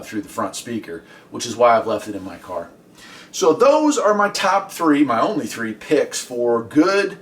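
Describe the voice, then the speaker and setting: A radio hobbyist hosts a casual product review vlog, talking informally, conversationally and with strong opinions. His voice is mid-range and fairly bright, and it sounds distant from the mic.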